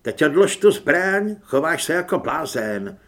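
A man voicing a nervous male hunter who pleads and tries to calm an armed man, in an audiobook. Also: a little high. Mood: placating. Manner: raised, pleading, placating.

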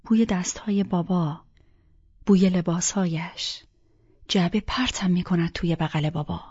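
Breathy woman narrating an audiobook. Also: on the low side, steady tone. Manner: soft, intimate, often half-whispered. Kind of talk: first-person scripted narration. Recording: dull lo-fi recording.

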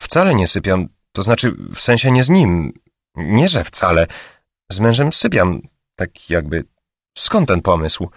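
A man's voice: medium pitch, big pitch swings, moderate pace, fairly bright tone, breathy edge, no room sound, clean studio sound, pitched above the performer's own voice. A man reading in a raised voice for an eager, cheerful female investigator who gets flustered when teased.

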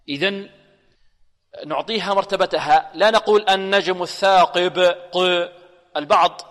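A man teaching Quran recitation rules. He asks the class questions, answers them himself, and slowly drills syllables and verses with many repetitions. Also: high voice, a bit bright. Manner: drills syllables slowly and repeats each one. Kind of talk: tajweed lesson with recited examples. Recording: long hall reverb.

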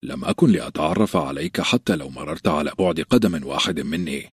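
A man's voice: extremely low pitch, animated, a little fast, breathy edge, dry recording, studio quality, heavily acted. A man reading an audiobook, voicing a stern, honorable grown lord who speaks curtly and with command. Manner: curt, commanding, surprised. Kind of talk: audiobook character voice.

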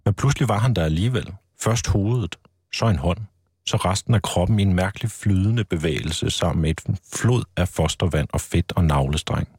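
A man with a very deep, husky voice reads from his own book in a calm, measured way. The studio sound is close and dry. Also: no echo. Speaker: author guest. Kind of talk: reading aloud from his book.

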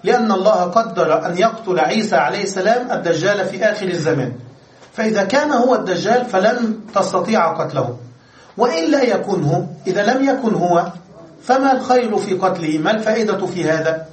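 High-voiced man teaching grammar, echoey. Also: expressive, fairly quick. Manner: explains step by step, checks understanding with questions. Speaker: Arabic grammar lecturer. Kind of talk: classroom grammar lesson. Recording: roomy echo, distant mic, faint noise.

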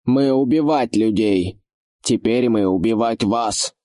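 A man voicing a menacing wild mountain orc who speaks slowly in halting, broken phrases, in an audiobook. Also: on the low side, dark tone. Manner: slow, halting, broken grammar.

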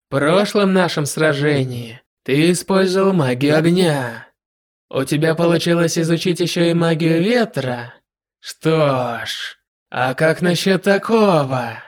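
A man voicing a smug, menacing male demon lord with a dry voice, speaking slowly and in a drawn-out way. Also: fairly high pitch. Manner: slow, drawn-out, self-satisfied delivery.

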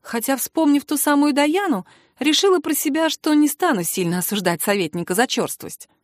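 A woman narrates a fantasy audiobook in a lively storytelling manner. Her voice is fairly high, and the sound is close and dry. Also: normal speed, no echo. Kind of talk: scripted narration.

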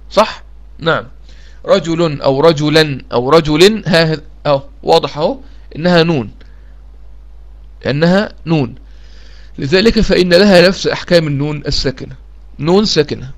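A man's voice: fairly high pitch, creaky. A man with an Egyptian accent teaching a recitation lesson, repeating key phrases and checking that listeners follow. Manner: repetitive, drills key phrases, asks listeners if they follow. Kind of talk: explanatory lesson.

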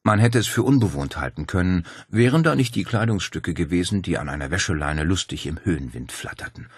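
A man with a very low, husky voice narrates a novel, moving his pitch up and down as he tells the story. The recording is dry and close, with no room sound. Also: a little fast, no echo. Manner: lively storytelling. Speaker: audiobook narrator. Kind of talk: scripted audiobook narration.

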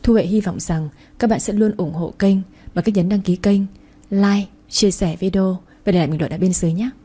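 A woman storyteller reading a story in a steady, even scripted narration. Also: medium pitch, a little fast, breathy edge.

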